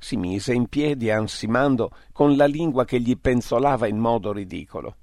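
A man reading an audiobook story aloud in a steady narrating manner. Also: mid-range voice, normal speed, no echo, clean studio sound.

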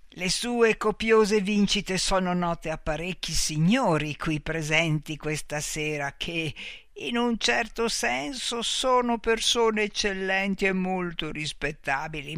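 A man voicing a boisterous old male army veteran who talks slowly and emphatically, with a confidential, wheedling manner. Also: sits high, a bit bright, no room sound, studio quality.

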